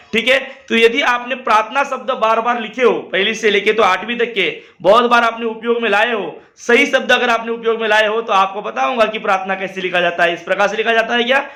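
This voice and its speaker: A man teaching an exam-prep lesson on correct spelling. He speaks, repeats words slowly and talks straight to his students. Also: high voice, steady tone, bright, forceful tone.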